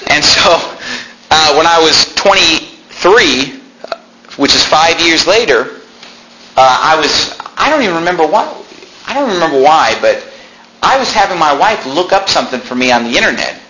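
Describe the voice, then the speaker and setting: With a fairly high, sharp voice and lively intonation at a moderate pace, a man in his twenties tells his congregation a personal story. His delivery is relaxed and conversational, full of repeated phrases and asides to the crowd. Faint noise and room echo are audible.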